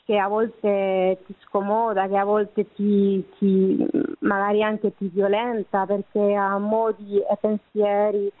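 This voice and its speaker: Slow, contemplative woman on a tinny line. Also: mid-range voice, flat delivery. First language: not Italian. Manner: contemplative, searching for words. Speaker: interview guest. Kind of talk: reflective personal testimony. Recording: narrow tinny phone-like sound.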